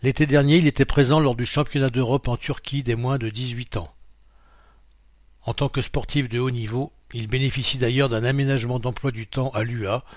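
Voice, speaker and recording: Male reader, mid pitch, plain dry studio sound; reads articles aloud, calls out pages and quote marks. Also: fairly quick, dry recording. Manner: reads out quote marks and page numbers, steady informative delivery. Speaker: magazine reader. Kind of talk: read-aloud narration of a printed magazine.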